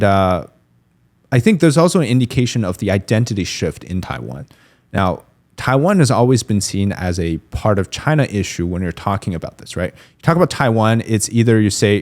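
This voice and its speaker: On a podcast, a guest commentator with a lowish, darkish male voice talks through politics thoughtfully and analytically, often using fillers and restarting his sentences.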